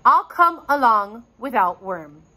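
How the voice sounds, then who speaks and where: A woman's voice: a little high, very animated, pushed and bright, exaggerated voice. A woman voicing a hesitant young boy who keeps dragons, in a storybook read aloud. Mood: unsure. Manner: hesitant, halting.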